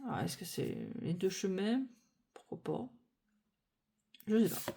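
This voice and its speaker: A woman's voice: medium pitch, warm tone, slight background noise. A French-speaking woman casually walking through a tarot deck card by card, thinking aloud with many fillers and restarts. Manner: unhurried, thinking aloud with frequent fillers and self-corrections.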